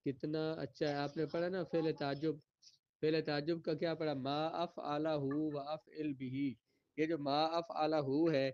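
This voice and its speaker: A man with a slightly high, smooth voice leads a classroom grammar lesson. He reads each sentence slowly, then translates and explains it. The recording is close and dry. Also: little pitch movement, a little mellow, no echo, lo-fi sound. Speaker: Arabic teacher.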